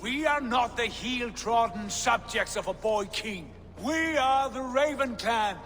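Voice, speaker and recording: Fiery viking prince in a game, high voice, big commanding speeches, lots of hall reverb. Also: male voice, expressive, measured pace, a bit bright, exaggerated voice. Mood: rousing, defiant. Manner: declamatory, commanding, formal. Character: proud, fiery Viking prince rallying his clan. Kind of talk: dramatic video game cutscene oratory. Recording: long reverberant hall, music behind.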